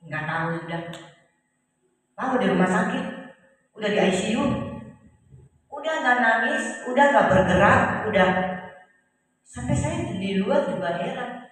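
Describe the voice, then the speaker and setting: A woman's voice: fairly high pitch, animated, unhurried, pauses often, faint music behind. A middle-aged woman preaching her testimony in a church hall, storytelling with emotion and voicing the people in her story. Her voice rings through a large room with long reverb and comes from some distance off the mic. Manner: emotional storytelling, acting out quoted cries. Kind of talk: sermon testimony.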